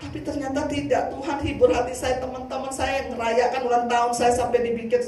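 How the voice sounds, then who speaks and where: An older woman evangelist from Indonesia giving a lively sermon testimony, often turning to the congregation. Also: on the high side, fast talker. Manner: lively storytelling, addresses congregation as saudara. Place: church hall. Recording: echoey hall from far off, faint noise.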